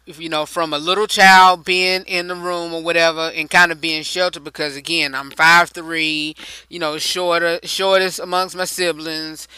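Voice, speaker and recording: Bright, crisp-voiced chatty male host. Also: a little high, level tone, normal speed, dry recording, low-quality recording. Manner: chatty and rambling, restarting sentences. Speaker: talk show host. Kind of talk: casual interview.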